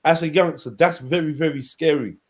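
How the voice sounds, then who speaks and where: Higher-voiced London roadman man telling anecdotes. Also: fairly quick. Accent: London, urban multicultural street. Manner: roadman slang, frequent "like" and tag questions. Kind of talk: casual anecdotal chat on a live show.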